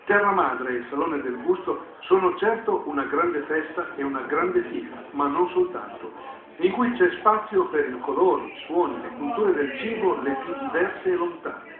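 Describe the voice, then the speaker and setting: A man narrating a news report and asking interview questions in a measured, formal way. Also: a little high, lively intonation, a crowd in the background. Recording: echoey, tinny, noisy broadcast audio.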